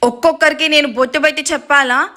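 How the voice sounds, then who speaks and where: A man's voice: very high voice, fairly even intonation, fast, sharp tone, voice pushed up, exaggerated voice. A woman voicing a furious, domineering young husband who roars threats. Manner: roaring, threatening.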